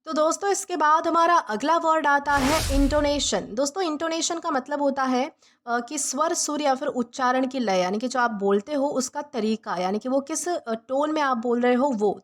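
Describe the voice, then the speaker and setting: Woman teacher, high voice, patient step-by-step vocabulary lesson. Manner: repeats and rephrases each meaning patiently. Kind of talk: vocabulary lesson explained in Hindi.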